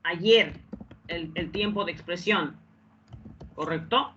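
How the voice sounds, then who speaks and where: Woman teacher, bright tense voice, repeats herself and checks in often; muffled online-call audio with faint keyboard clicks behind. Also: on the low side, slow, slight background noise. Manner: repeats phrases, keeps checking understanding. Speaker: English teacher. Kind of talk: online class explanation.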